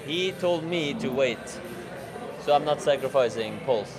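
A man's voice: mid-range voice, expressive, measured pace, music in the background. A Norwegian man with a Norwegian accent, hosting a livestream and chatting casually in a hotel lobby, hesitant with many fillers. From Norway. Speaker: livestream host. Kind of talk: casual chat at a meetup. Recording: loud crowd chatter behind.

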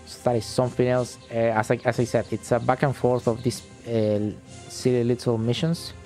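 A man grumbles through a casual let's-play commentary, offhand and sweary. His voice is relaxed and mellow, at a middle pitch, with faint music under it. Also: normal speed. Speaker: gamer.

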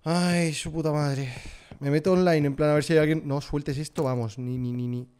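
A man's voice: on the high side, fairly even intonation, normal speed, a little mellow, smooth. A young man with a Spain Spanish accent, jumpy and swearing while commenting live on a horror game for his chat. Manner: profane, jumpy, talks to chat. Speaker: streamer.

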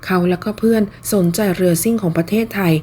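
A woman's voice: mid-range voice, fast, a little hiss or hum. Woman reading online news politely. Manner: polite, steady read-aloud delivery with soft sentence-final particles. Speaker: news narrator. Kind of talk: scripted online news narration.

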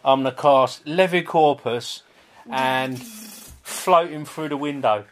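A man's voice: medium pitch, takes it slowly, a little hiss or hum. A man with a chatty, playful manner, playing as a player in a tabletop game.

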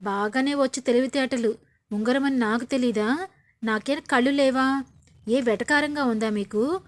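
A woman voicing an angry young sister-in-law who shouts and taunts in a retold serial scene. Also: high-pitched, moderate pace, close to an everyday voice. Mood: furious. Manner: shouting, sarcastic. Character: furious young sister-in-law, loud and accusing.

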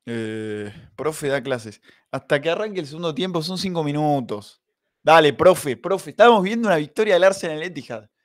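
Brief: young Argentine male streamer, chatty and casual, somewhat high voice. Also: lively intonation, moderate pace. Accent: Argentine Spanish. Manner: chatty, reads chat aloud, joking. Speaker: streamer and host. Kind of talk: live football reaction stream.

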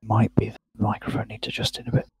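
A man talking casually over voice chat, his quiet, mumbled audio choppy and cutting out. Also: on the low side, completely flat delivery, quick pace, slightly rough, no room sound. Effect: choppy voice chat audio that keeps cutting out. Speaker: voice chat friend.

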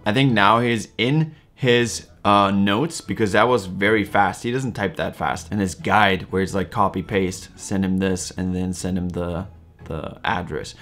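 A man's voice: fairly low pitch, a bit bright. A man casually commenting for a vlog, playful and mock-enthusiastic as he reads messages aloud. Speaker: video creator.

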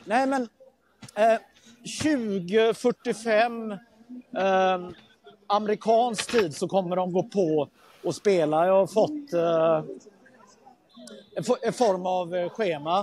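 A high-voiced man phones in a live report from outdoors on a busy city street. He talks in a loose, halting way, filling gaps with plenty of ums and ehs. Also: a little mellow, slight background noise. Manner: halting, many fillers.

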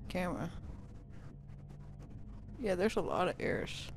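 A woman's voice: lowish voice, lively intonation, measured pace, a little hiss or hum. A woman giving let's play commentary, jumpy and swearing when startled. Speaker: gamer.

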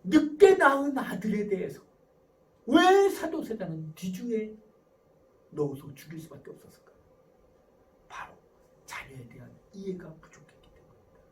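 A man's voice: sits high, lively intonation, normal speed, pauses often, far from the mic, low-quality recording. A man lecturing to parents, asking questions and answering them himself. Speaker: professor giving a parenting lecture.

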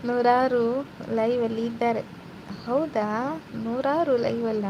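A woman's voice: fairly high pitch, fairly even intonation, a little slow. A young woman hosting a casual live stream, reading out viewer comments and chatting with them. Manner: chatty, warm greetings to viewers, mixes English words. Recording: noisy phone live stream.

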